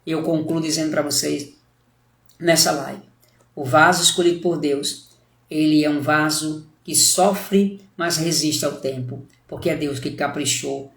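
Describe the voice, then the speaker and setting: A man's voice: fairly high pitch, fairly even intonation, unhurried, creaky, a bit bright, reverberant. A man with a Brazilian Portuguese accent, a pastor preaching a sermon on a live stream, telling a story with acted-out dialogue and exhorting his listeners.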